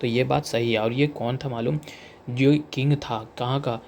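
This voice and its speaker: A young Indian man talks through exam questions in a relaxed, chatty lecture, reading the English lines slowly. His voice has a gravelly edge, sitting at an ordinary middle pitch. A faint hum runs underneath the recording. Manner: chatty, repeats "theek hai", reads English slowly. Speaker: exam coaching teacher. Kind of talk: casual explanatory lecture.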